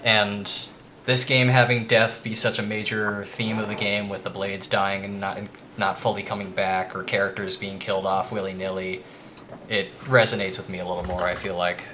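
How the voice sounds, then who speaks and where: A man's voice: on the low side, little pitch movement, moderate pace, a little hiss or hum. A man giving a casual, rambling presentation to friends, with lots of ums. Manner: rambling with frequent ums, quietly earnest.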